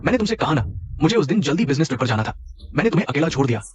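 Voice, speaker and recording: A scheming, evasive boyfriend. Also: male voice, on the high side, very animated, very fast, lo-fi sound. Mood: dismissive. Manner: defensive, dismissive.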